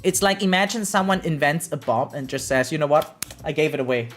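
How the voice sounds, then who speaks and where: Talking fairly quickly at a mid pitch, this variety livestreamer switches between reading out loud and chatting, reacting casually and exclaiming with lots of "right?" as music plays behind the voice.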